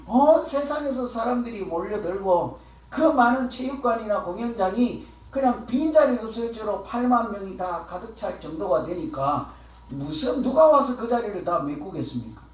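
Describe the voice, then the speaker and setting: A man's voice: high-pitched, expressive, moderate pace. A man preaching a sermon as pastor, talking in a conversational way, asking the congregation questions and acting out quotes. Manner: acts out the quoted words of others. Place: church sanctuary. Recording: echoey hall, voice from far off.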